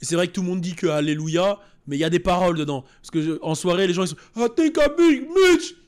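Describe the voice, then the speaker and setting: Animated, swearing high-voiced man. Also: racing, clear, resonant tone. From France. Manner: animated, rants and mimics voices, swears often. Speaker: streamer reacting to a trailer. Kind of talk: casual reaction commentary.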